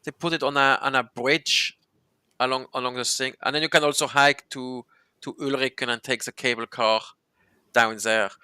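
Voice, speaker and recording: A man hosting a relaxed chat. His voice is bright and crisp, recorded close and dry. He stops and restarts often as he explains things. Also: mid-range voice, no room sound. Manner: halting, restarts often, explains local words. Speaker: host. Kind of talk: casual chat.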